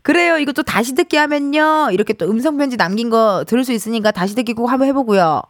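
Radio host lady, lively bouncy voice, higher pitch, dry studio sound. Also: fast, no room sound. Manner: animated, playful, laughs often. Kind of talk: casual radio chat with a caller.

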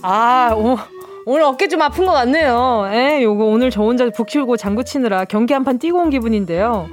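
A young woman hosting a playful radio quiz show, animated and theatrical as she reads listener messages aloud. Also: a little high, a little fast, music in the background. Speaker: radio host. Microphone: studio microphone.

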